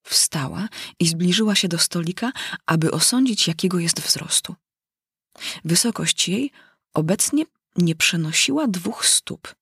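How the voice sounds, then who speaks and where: Casting: a woman narrator, husky and gravelly, measured storybook reading. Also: on the low side, dry recording, clean studio sound. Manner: measured, old-fashioned storytelling. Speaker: audiobook narrator.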